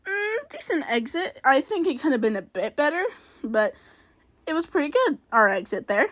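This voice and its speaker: A woman's voice: high voice, sing-song, moderate pace, fairly bright tone, no echo. A woman giving casual play-by-play commentary on her own racing game, rambling and self-critical, with many fillers. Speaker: gaming video creator.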